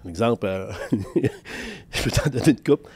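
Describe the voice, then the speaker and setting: A man's voice: fairly low pitch, animated, moderate pace, darkish tone, slightly rough, no echo. A man in his fifties with a Québécois French accent, a sports journalist guest telling career anecdotes with quoted dialogue. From Quebec. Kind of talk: casual podcast interview storytelling.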